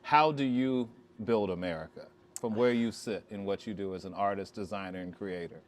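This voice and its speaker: A man's voice: lowish voice, normal speed, slight background noise. A man hosting a podcast interview, asking questions and often chiming in with agreement. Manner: affirming, frequent agreeing interjections. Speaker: podcast host. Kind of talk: interview conversation.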